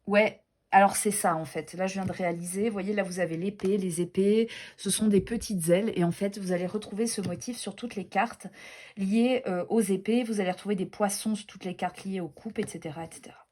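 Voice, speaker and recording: A woman's voice: mid-range voice, steady tone, brisk, a little mellow. Chatty woman gushing over card decks. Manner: chatty, gushing, self-deprecating, many fillers and restarts. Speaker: tarot and oracle deck reviewer. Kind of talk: casual show-and-tell chat.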